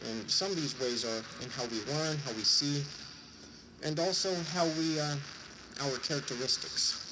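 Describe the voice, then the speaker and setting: Stuffy-nosed man explaining over clear background noise. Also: fairly high pitch, normal speed. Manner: jokey, irreverent asides. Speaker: vlogger summarizing a book. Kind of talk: informal explainer talk to an audience.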